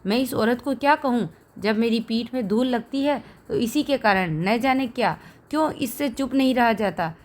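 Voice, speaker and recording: Restrained middle-aged farmer, stern and measured, read by a woman; storybook reading. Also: on the high side, natural voice.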